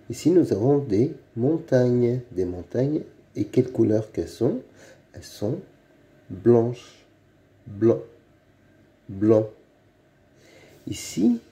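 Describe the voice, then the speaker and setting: A man giving a slow phonics reading lesson for young children, saying each word several times over. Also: mid-range voice, dark tone. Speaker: reading teacher.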